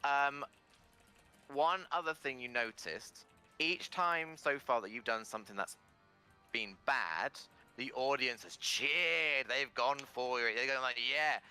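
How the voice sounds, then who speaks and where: A man working as game master, narrating a tabletop fantasy game with dramatic pauses. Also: medium pitch, sharp tone, clean tone, faint music behind.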